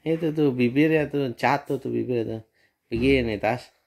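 A man's voice: medium pitch, moderate pace, vocal fry, darkish tone. A man, a father playfully teasing his daughter in a casual family vlog, laughing often.

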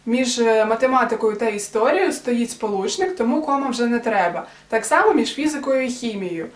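A woman's voice: fairly high pitch, expressive, fairly quick, far from the mic. Young woman tutoring in an echoey room. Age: young adult. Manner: patient, step-by-step explanation. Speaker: tutor for exam prep. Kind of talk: explaining grammar to viewers.

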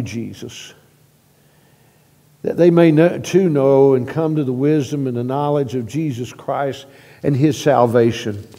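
A man leading a church prayer at a pulpit microphone, halting with repeated words and swelling louder as he prays. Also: medium pitch. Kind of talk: spoken church prayer and announcements. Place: church sanctuary. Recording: long reverb of a church sanctuary.

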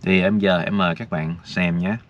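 A low-pitched man speaks at normal speed in a steady tone, vlogging outdoors. He rambles casually and speaks directly to viewers, captured on dull lo-fi audio with faint noise.

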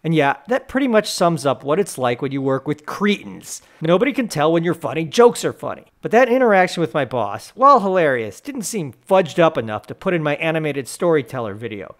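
A young man telling a sarcastic comedic rant as an animated storyteller, deadpan and mocking. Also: fairly high pitch, a little fast, hardly any pauses.

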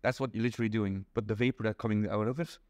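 Young Belgian man, guest; lowish voice, dry close sound, patient and methodical, filler-heavy explanations. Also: steady tone, very fast, a little mellow, dry recording. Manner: patient, explains step by step with many ums. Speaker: interview guest. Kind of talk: casual explanatory chat. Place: small indoor room.

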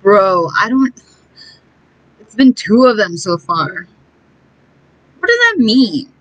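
A woman's voice: mid-range voice, wildly swooping pitch, slow pace, a bit bright. A young woman chatting casually and playfully to herself and her dog during a live stream while she practices a song at home. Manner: slangy, playful. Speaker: livestreamer learning a song. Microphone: phone or laptop mic for a live stream. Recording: dull lo-fi live-stream audio. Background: faint ukulele plucking.

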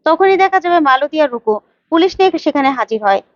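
A woman narrating a retelling of a TV serial episode in rapid, plain storytelling, on a dull lo-fi recording. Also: sits high, lively intonation, no echo.

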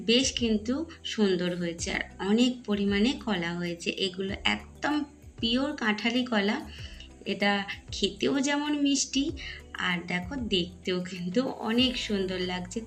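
A middle-aged woman talks through her home vlog in a chatty, friendly way, speaking to her viewers as if they were friends. Her voice sits at an ordinary pitch for a woman. Soft music plays quietly underneath. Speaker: home vlogger. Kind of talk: home cooking and garden vlog narration.

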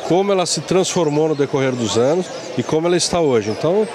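A man's voice: a little high, lively intonation, fast talker. A man in his forties, a university press official, giving a proud, formal statement into a handheld mic. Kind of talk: interview statement. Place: outdoors at a book fair at night. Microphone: handheld reporter mic. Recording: clear background noise.

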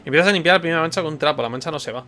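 A man hosting a gaming channel, casually reading a text adventure aloud in a brisk manner. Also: fairly high pitch, pushed and bright, soft background music.

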